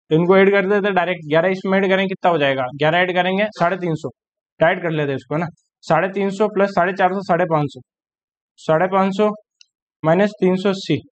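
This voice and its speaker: A man teaching an exam-prep math lesson, working sums aloud and often checking whether students follow. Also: sits high. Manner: quick mental arithmetic aloud, frequent checking questions. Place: online class recording.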